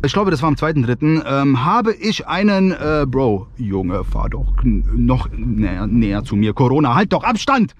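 A young man vlogging from inside his car, talking crudely in animated slang to the camera. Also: medium pitch, normal speed, hardly any pauses, slight background noise. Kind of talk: casual car vlog talk to camera. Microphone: camera mounted in car. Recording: car interior with music behind.

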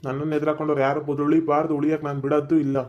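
Brief: high, quick man, fretful husband in a comic sketch, dull lo-fi sound. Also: flat delivery, darkish tone.

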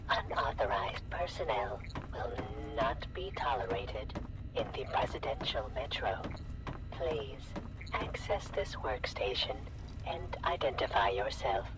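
A man's voice: mid-range voice, noisy background. An actor voicing a male security computer terminal in a video game, his voice processed like a machine, giving clipped, formal system announcements.

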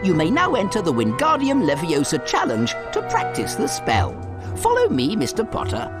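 An actor voicing a tiny, excitable elderly wizard professor in a video game, theatrical, formal and encouraging. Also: male voice, high voice, normal speed, loud music behind the voice. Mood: welcoming, instructive. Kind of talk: video game character acting.

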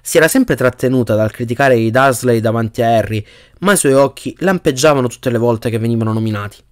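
A man narrating an audiobook at a middle pitch. He reads steadily and now and then trips over a word and corrects it. The delivery is plain and even. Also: fast talker. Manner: reads steadily with small slips and self-corrections. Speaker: audiobook reader.

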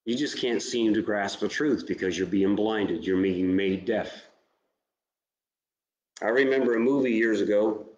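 A man preaching a sermon with a fairly low voice, making earnest, direct appeals to his listeners. His words ring out in a roomy church sanctuary with plenty of echo. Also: a little slow, a little mellow. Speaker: pastor.

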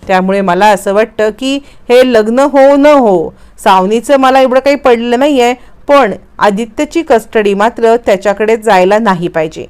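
A woman's voice: on the high side, moderate pace, few pauses, darkish tone, clear, resonant tone, lightly acted. A woman voicing a concerned young stepmother in a story recap, speaking in an earnest, persuasive way.

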